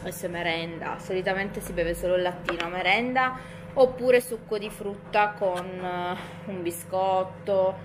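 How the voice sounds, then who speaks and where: Unhurried young mum vlogging at home. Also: female voice, fairly low pitch, noisy background. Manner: chatty, explains to viewers, unhurried. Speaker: vlogger and mother. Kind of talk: casual home vlog narration. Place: home kitchen and living room.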